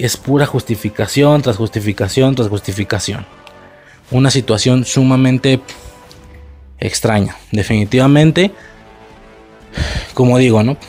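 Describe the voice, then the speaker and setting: A man's voice: mid-range voice, a little mellow. A man with a Mexican accent ranting sarcastically and profanely in a casual video review, with faint music behind.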